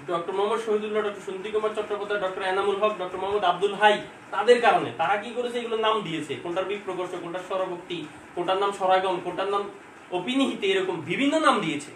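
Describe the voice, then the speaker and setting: A man's voice: high-pitched, racing, fairly bright tone. A man teaching an informal online exam-prep class from home, talking conversationally and often asking questions and answering them himself. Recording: echoey room, far from mic, faint hiss.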